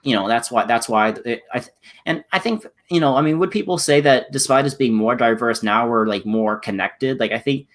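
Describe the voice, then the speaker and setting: A man's voice: mid-range voice, brisk. A man in a casual political discussion, rambling with many restarts and fillers. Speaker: channel host in a discussion.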